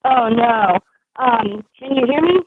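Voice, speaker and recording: A woman's voice: fairly high pitch, slow pace, slightly rough. A woman calling in to a live stream, talking casually and hesitantly with many ums and restarts, heard over muffled call-in phone audio that breaks up. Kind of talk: casual chat. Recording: tinny, muffled phone line.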